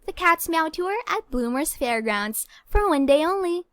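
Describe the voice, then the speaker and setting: Brief: woman voicing a perky female cat-show announcer, high and sweet. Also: lively intonation, unhurried, fairly bright tone, dry recording, heavily acted. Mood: upbeat. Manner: small, high-pitched, cheery.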